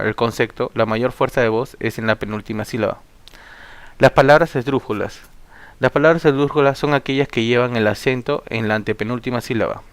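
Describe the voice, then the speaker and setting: A man's voice: mid-range voice, no echo. Man dictating a spelling lesson. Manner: slow, word-by-word dictation of examples with occasional throat clearing. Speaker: teacher. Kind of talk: spelling lesson read from notes.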